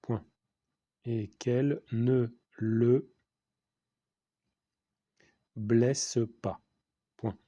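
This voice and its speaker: A man's voice: medium pitch, steady tone, extremely slow, long pauses, mellow, no room sound, highs cut off. A man with a French accent reading a dictation to schoolchildren, repeating each phrase and saying the punctuation aloud. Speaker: teacher giving a dictation.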